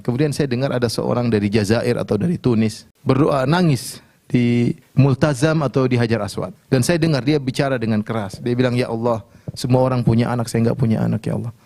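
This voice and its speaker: Mellow-voiced male preacher telling a story. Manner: retells a story, quoting the people in it with rising animated pitch. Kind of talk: storytelling sermon.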